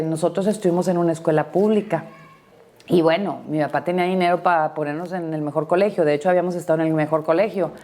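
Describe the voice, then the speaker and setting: A middle-aged Mexican woman with a lowish, dark voice, a former party leader, is interviewed and tells family stories casually, using plenty of "este" and "pues." She sits far from the mic, so the recording has a roomy echo.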